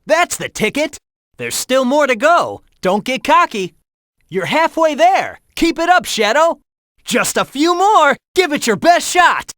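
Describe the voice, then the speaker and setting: A man's voice: extremely high pitch, a bit bright, no room sound, clean studio sound, full character voice. An actor playing a cocky young male hedgehog hero, giving breezy, upbeat tips in video game voice lines. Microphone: close studio mic.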